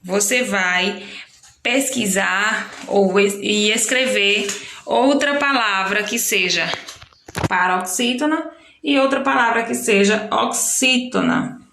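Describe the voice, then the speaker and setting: Her mid-range voice has vocal fry and a sharp tone, recorded in a roomy space with a little hiss or hum. This Brazilian primary school teacher, speaking with a Brazilian Portuguese accent, takes young pupils slowly through a textbook in a recorded remote lesson, patiently explaining and frequently correcting herself.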